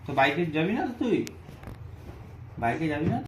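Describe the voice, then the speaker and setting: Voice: medium pitch, sing-song, brisk, slight background noise. Father teasing his child, echoey room. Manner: teasing, playful. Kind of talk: playful teasing.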